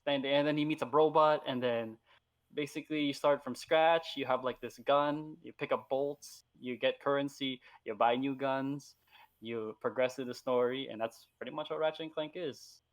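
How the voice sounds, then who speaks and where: Man, casual podcast chat, enthusiastic, rambling, medium pitch. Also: fairly even intonation, moderate pace. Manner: enthusiastic, rambling with restarts and laughs. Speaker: podcast co-host.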